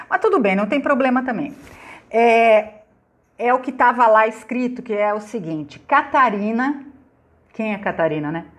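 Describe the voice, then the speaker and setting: A middle-aged Brazilian woman hosting a casual live stream from her phone, loud and chatty, greeting viewers by name and laughing often. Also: a little high. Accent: Brazilian Portuguese. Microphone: phone on laptop.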